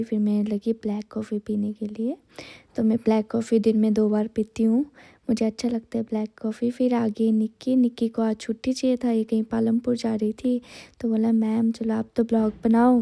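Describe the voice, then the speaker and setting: A woman's voice: a little high, flat delivery, moderate pace, vocal fry, dark tone. A woman who owns a salon, narrating her day in a chatty vlog and talking to her viewers between stories. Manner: chatty, talks nonstop, friendly asides to viewers. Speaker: salon owner vlogger.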